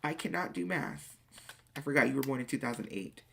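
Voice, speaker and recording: On a casual live stream, someone in their late teens voices viewers' questions and replies in eager spurts. The voice is mid-range, brisk and gravelly, with a faint hiss or hum.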